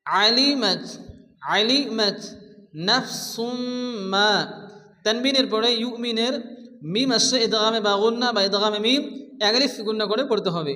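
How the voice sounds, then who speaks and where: A man teaching Quran recitation, switching between slow melodic chanting of verses and rapid-fire explanations of the reading rules. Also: sits high, bright, forceful tone, in a large hall, rough recording.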